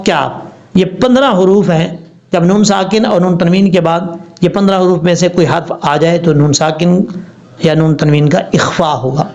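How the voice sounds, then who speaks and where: A man with a fairly high voice gives a step-by-step tajweed lesson. He spells out letters slowly and asks his own questions before answering them. The recording sounds a little dull and lo-fi. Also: a little mellow. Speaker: Quran recitation teacher.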